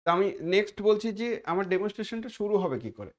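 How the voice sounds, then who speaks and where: A man's voice: high-pitched, expressive, fairly quick, a little hiss or hum. A man giving a conversational exam-prep lecture as a teacher, repeating points and mixing in English terms.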